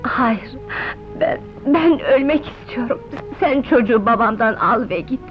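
A woman's voice: fairly high pitch, moderate pace, close to an everyday voice. A woman playing a despairing young wife. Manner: hopeless, tearful. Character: despairing young mother cast out by her husband. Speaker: film character. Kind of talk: dubbed 1970s film acting. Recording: dull old film soundtrack with music.

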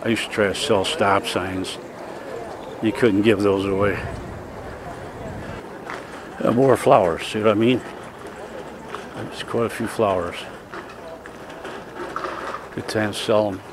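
An older vlogger walks through a busy outdoor fairground and its market buildings, holding his camcorder, whose audio is windy and noisy. His voice is lowish, slow and fairly even, and his commentary is rambling, plain-spoken and casual, with long pauses.

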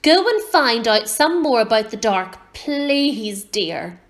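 Woman as a brisk, firm mother owl. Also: a little high, very animated. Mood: firm, prompting. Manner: insistent, instructing.

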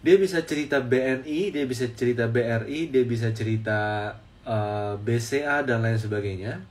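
A man who teaches stock trading tells a story in a mid-range voice at a normal pace, picked up by a distant mic. His talk is casual and explanatory, he often repeats phrases for emphasis, and he speaks to viewers as if they were friends.

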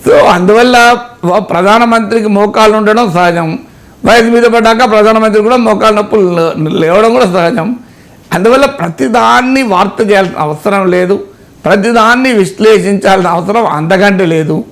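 A man with a notably high voice talks through political commentary in an emphatic way. He mocks ideas with ironic rhetorical questions. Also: moderate pace. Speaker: political analyst.

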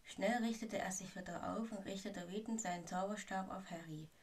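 Lady reading a story out loud, stumbles a bit, mic kinda far. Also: medium pitch, normal speed. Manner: plain reading with small slips and restarts. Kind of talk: reading a fan story aloud.

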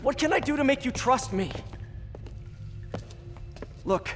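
A man's voice: very high voice, animated, exaggerated voice. A man voicing a wisecracking young male superhero in a video game, chatty and joking. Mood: quippy. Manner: joking, chatty, quick banter. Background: game music.

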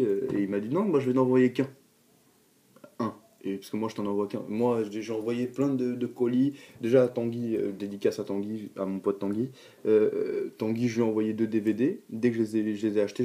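Rambling teenage guy with a mellow voice. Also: fairly low pitch. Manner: aggrieved, rambling, many restarts and fillers. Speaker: vlogger. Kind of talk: casual rambling vlog.

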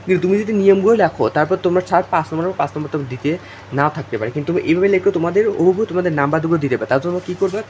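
A man's voice: fairly high pitch, very fast, a little mellow, highs cut off, a little hiss or hum. A young man from Bangladesh tutoring students for an exam, talking to them directly, repeating himself and filling gaps with fillers. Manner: repetitive, addresses students directly, many fillers. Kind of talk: informal exam-prep lesson.

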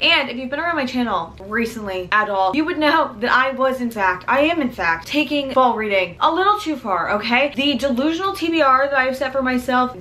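Bright chatty young woman vlogging. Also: high voice, slight background noise. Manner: chatty, self-mocking, lots of restarts. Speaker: booktuber. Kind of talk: casual chat to camera.

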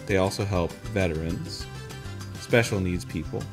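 A man giving loose, profane live commentary over a game he is playing, often breaking into loud, high yelps of excitement. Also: normal speed, faint music behind. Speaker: streamer.

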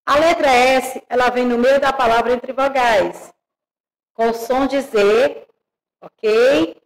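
A woman teacher giving an online grammar lesson to young children, speaking slowly and clearly and calling them affectionate names. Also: on the high side, in a large hall, poor audio. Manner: slow and clearly articulated; warm, addresses children as "my loves". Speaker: primary school teacher.

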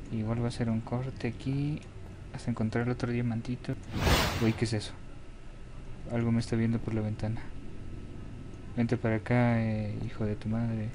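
A man's voice: mid-range voice, background noise. Jittery Mexican man playing horror game. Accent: Mexican Spanish. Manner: jittery, begging, talks to himself. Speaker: gaming YouTuber.

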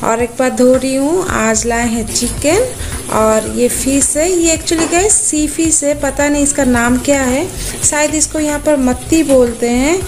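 Cheerful high-voiced woman vlogging. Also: unhurried, background noise. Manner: chatty, cheerful, talks to viewers while cooking. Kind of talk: casual Hindi vlog narration. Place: outdoors on a roadside, then a home kitchen. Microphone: phone held at arm's length.

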